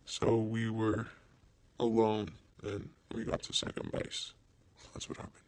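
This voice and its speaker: A twelve-year-old boy whose voice has been electronically lowered into a disguised deep voice, answering interview questions shyly and haltingly. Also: completely flat delivery, noisy background. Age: 12, seventh grader. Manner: hesitant, halting, with nervous giggles. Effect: voice pitched down to a disguised deep voice. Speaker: anonymous student interviewee.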